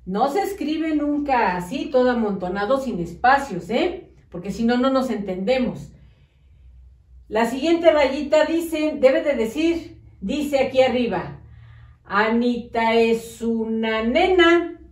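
A woman teacher, dictating to young children slowly and patiently, spelling words out syllable by syllable. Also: high-pitched, animated, a little mellow, distant mic. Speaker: primary school teacher. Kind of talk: slow, patient classroom dictation. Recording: echoey room, voice off-mic.

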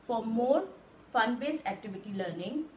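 Her voice is a little high and animated, moving at a moderate pace against slight background noise. She's in her thirties, hosting her channel from a table in a small room, patiently teaching parents a simple recipe one step at a time.

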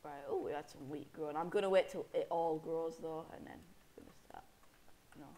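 A young man with a sniffly head cold casually comments on the game he is playing, rambling, correcting himself as he goes, and getting mock-angry at enemies. His voice is a little high, brisk, gravelly and mellow, with slight background noise.

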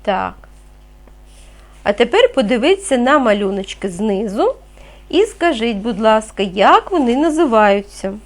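A woman teaching a reading lesson to young children, speaking clearly and patiently, asking them questions as she goes. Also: fairly high pitch, big pitch swings, unhurried. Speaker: primary school teacher.

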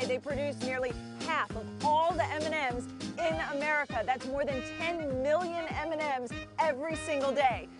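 A woman in her thirties, a TV reporter narrating a bubbly, playful feature story. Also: high voice. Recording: music bed underneath.

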